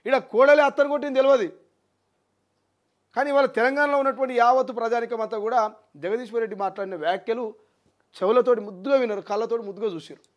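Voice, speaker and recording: A man's voice: very high voice, fast, long pauses. A man giving heated political commentary, full of indignant rhetorical questions and scolding repetition. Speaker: news commentator.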